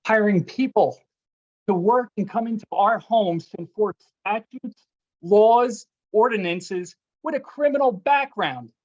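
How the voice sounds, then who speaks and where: A man's voice: high-pitched, measured pace, a little mellow. Man, public commenter calling in, combative and accusing, muffled lo-fi call audio that breaks up. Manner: confrontational, accusing. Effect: remote call audio breaking up. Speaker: resident speaking at public comment. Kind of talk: public comment at a council meeting. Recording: dull lo-fi remote call line.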